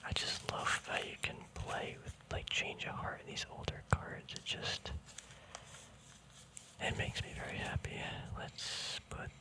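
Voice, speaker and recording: An ASMR card game vlogger, a man, whispers the whole time with no real voice behind his breath. He rambles softly and informally while handling trading cards, speaking a little slowly. The recording quality is low.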